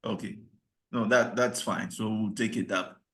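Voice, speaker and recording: Bright-voiced man moderating, echoey room. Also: fairly low pitch, fairly even intonation, normal speed. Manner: brief affirmations and turn-giving. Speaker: seminar moderator.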